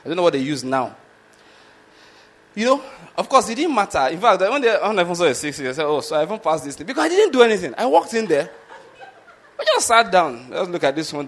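The voice belongs to a Nigerian-accented man, a medical lecturer from Nigeria whose first language is Yoruba, pitched fairly high and a bit bright. He tells a relaxed story, chuckling frequently and often asking the listener, "you understand my point?"

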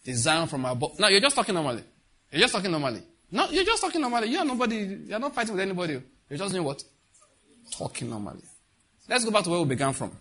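A man's voice: sits high, sing-song, fast talker, bright, forceful tone. A middle-aged man preaching a sermon as pastor, emphatic, repeating key phrases and putting questions to the congregation.

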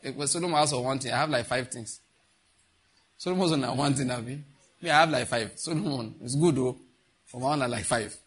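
A man's voice: mid-range voice, brisk, breathy edge. A middle-aged man preaching a sermon as pastor, emphatic, repeating key phrases and putting questions to the congregation.

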